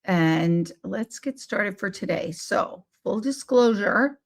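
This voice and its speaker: Laryngitis has left this play therapy podcast host with a squeaky, scratchy rasp, yet her intonation is lively as she talks on a live stream. Her delivery is warm and relaxed, with little self-corrections here and there.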